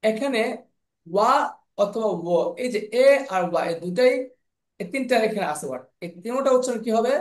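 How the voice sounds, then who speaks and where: A man teaching English pronunciation in an online class, slowly repeating sounds and words over and over. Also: high-pitched, expressive, a little mellow. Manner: slow, repeats sounds and words many times. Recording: echoey room.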